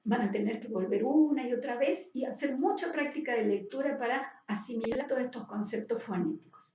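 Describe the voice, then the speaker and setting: A high-voiced woman gives a lecture, explaining step by step and often checking that her students follow. Her voice sits back from the mic in a roomy space, and the sound is a little dull. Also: darkish tone, recorded from a distance. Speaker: teacher.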